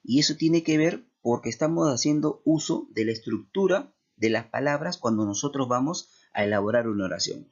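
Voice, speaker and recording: A male teacher with a Peruvian accent walks his students through a lesson at a steady, explanatory pace. His voice is gravelly and somewhat husky. The recording sounds dull and lo-fi. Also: medium pitch, brisk, few pauses. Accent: Peruvian Spanish. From Peru. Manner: explanatory, with many tag questions. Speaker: language teacher. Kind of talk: classroom lecture.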